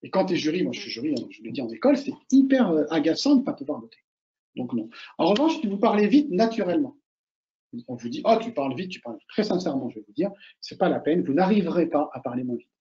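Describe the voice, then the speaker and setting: A man, an author and oral exam coach, giving casual, animated advice and repeating his key points straight to the listener. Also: fairly high pitch, quick pace, lo-fi sound. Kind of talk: casual advice talk to students.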